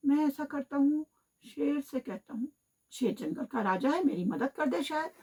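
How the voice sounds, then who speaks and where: A woman's voice: high voice, lively intonation, moderate pace, darkish tone. A woman voicing a distressed male parrot begging others for help. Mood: pleading. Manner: pleading, distressed.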